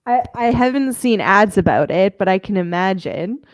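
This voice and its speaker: A woman's voice: medium pitch, expressive, moderate pace. A woman co-hosting a casual livestream chat, mostly answering in short, supportive remarks. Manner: supportive, brief affirmations.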